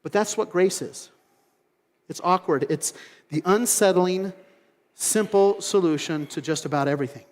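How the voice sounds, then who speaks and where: A man preaching a sermon as pastor, telling stories in an animated way and acting out other people's voices. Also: sits high, normal speed, pauses often, long reverb tail. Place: church sanctuary.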